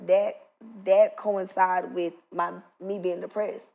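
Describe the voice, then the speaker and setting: A woman's voice: lowish voice, flat delivery, slow, creaky, a little mellow. A woman in her mid thirties, talking in a candid, blunt and reflective way as a guest in a casual podcast chat. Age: 30s.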